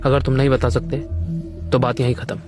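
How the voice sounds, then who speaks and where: A man's voice: medium pitch, completely flat delivery, a little fast, over music, close to an everyday voice. An actor playing an earnest, worried middle-aged father in a dubbed fantasy drama. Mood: serious, cautioning. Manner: earnest, cautionary.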